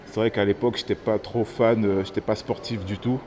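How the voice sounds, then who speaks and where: A man in his thirties from French Guiana gives a personal testimony, thoughtful and pausing often as he searches for words. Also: lowish voice, flat delivery, darkish tone, a little hiss or hum. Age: 30s. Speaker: interviewee.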